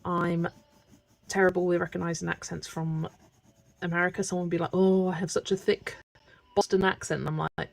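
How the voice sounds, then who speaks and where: A young English woman from the West Country, with a mild accent, colours while hosting a live stream, chatting casually and laughing often. Her voice is on the low side with little pitch movement, gravelly and a little fast, and the recording is low quality.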